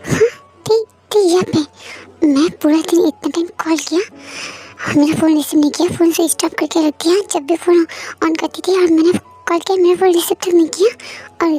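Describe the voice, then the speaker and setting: A woman's voice: very high voice, mellow. [name], a woman voicing a jealous angry young man. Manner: stammering, jealous muttering.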